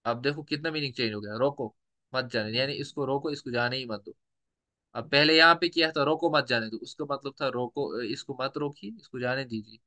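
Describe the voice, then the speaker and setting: A man teaching a tajweed lesson, patiently explaining rules and repeating example words slowly. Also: medium pitch, sharp tone. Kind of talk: lecture with recited examples.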